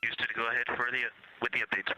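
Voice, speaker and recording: A man's voice: mid-range voice, level tone, fast, bright, forceful tone. A male astronaut giving brief, matter-of-fact replies over a distant, crackly radio link from a spacecraft.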